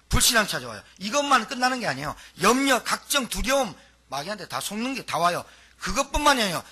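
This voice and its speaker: A middle-aged male pastor preaches with a bright, sharp edge to his husky voice. His pitch leaps around as he fires rhetorical questions. He swings from loud emphatic lines to hushed asides. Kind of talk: sermon.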